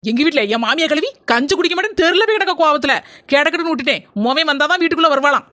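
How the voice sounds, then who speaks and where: Fast blunt cartoon sister by a woman, kanyakumari tamil accent, high and bright. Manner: rapid, blunt. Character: young village woman, blunt and touchy sister.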